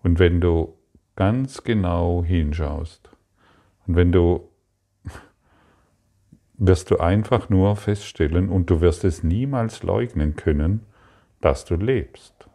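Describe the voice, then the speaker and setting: A man giving a spoken spiritual lesson, calm and repetitive, addressing the listener directly. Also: low-pitched, takes it slowly, long pauses. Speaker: spiritual teacher.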